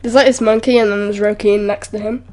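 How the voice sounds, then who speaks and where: A young British woman chatting casually on a podcast, halting and restarting often. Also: mid-range voice, steady tone, background noise. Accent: British English. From Britain. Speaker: podcast co-host. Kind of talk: casual chat.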